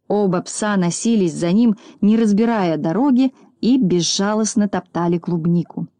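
A woman narrating a children's book aloud in a lively, expressive way on a close mic. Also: mid-range voice, moderate pace, dry recording. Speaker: audiobook narrator.

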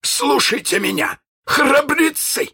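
Husky pirate captain, slow and menacing, voice swinging wildly up and down. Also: male voice, high voice, huge pitch swings, bright, forceful tone, pitched above the performer's own voice, full character voice. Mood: commanding. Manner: barking, theatrical, drawn-out threats. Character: menacing snarling adult male pirate captain. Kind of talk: audiobook character voice.

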